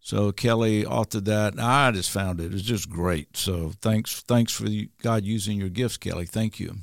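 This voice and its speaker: A man's voice: fairly low pitch, moderate pace, creaky, no echo, clean studio sound. A man hosting a church podcast, welcoming listeners and introducing his guests in a folksy, casual way with many fillers. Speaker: podcast host.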